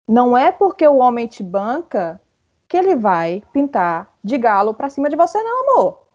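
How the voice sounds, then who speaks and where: A woman's voice: a little high, darkish tone. A woman writer on a panel, speaking in a playful, joking way and asking rhetorical questions. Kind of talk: casual panel discussion. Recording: muffled lo-fi audio.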